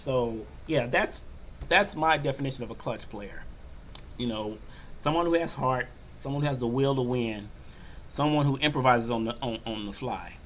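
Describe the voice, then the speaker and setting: An older man hosting a sports podcast, talking casually and loosely, often slipping into animated quoted voices. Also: medium pitch, moderate pace, slight background noise. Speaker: podcast host. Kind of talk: casual sports talk monologue.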